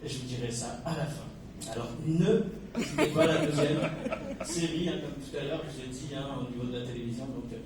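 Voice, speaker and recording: A guest preacher from Kabylie in Algeria gives an informal sermon to a congregation in a church hall, speaking fairly quickly at medium pitch. He's chatty, tosses in joking asides, and hesitates a lot. The sound is noisy and echoey, captured from far off in the hall.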